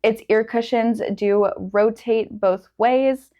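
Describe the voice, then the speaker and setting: A woman's voice: on the high side, steady tone, slow pace, highs cut off. Woman presenting a casual product review.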